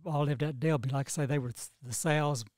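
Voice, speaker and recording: A man's voice: fairly high pitch, fairly even intonation, quick pace, a little mellow, dry recording, clean studio sound. Older man telling folksy memories. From Texas. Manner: folksy storyteller, many "you know"s and restarts. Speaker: guest, local historian. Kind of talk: casual chat, reminiscing.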